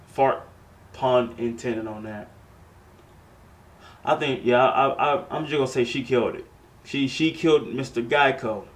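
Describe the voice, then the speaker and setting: A man hosting a reaction video, chatting casually and animatedly, repeating words and breaking into exclamations. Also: medium pitch.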